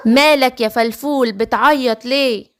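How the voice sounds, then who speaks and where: A woman with an Egyptian accent voicing a kind, gentle witch who comforts and helps. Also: on the high side, normal speed, clear, resonant tone, lightly acted. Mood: soothing. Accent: Egyptian Arabic. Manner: soothing, explaining.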